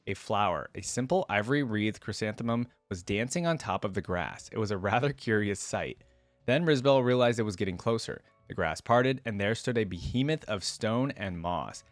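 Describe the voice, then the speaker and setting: As host of a game lore reaction video, a man with a voice on the low side reads a story aloud and reacts to it in an informal, slangy way. The recording is dry.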